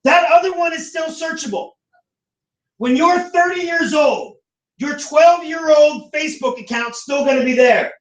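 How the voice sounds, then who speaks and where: A man from the United States teaching a class, animated and acting out the voices he quotes. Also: very high-pitched, unhurried. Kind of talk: classroom lecture. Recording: echoey classroom from far off.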